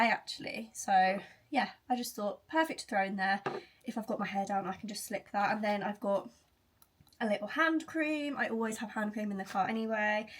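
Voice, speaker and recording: A young woman in her twenties with a British accent, chatting casually to camera at home in a weekend vlog, full of "like" fillers. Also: mid-range voice. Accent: British English. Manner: chatty, frequent "like" fillers, upbeat. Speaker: vlogger. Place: home, indoors.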